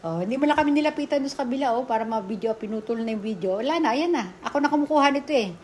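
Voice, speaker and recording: A middle-aged woman with a Filipino accent, narrating her family vlog in a chatty, laughing voice-over recorded at night in a quiet room. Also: a little high, lively intonation, rapid-fire. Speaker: vlogger.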